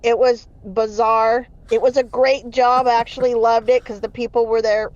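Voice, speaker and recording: A woman caller tells a casual story in a voicemail over the phone, laughing between her sentences. She speaks at a moderate pace in a fairly high, level, slightly mellow voice.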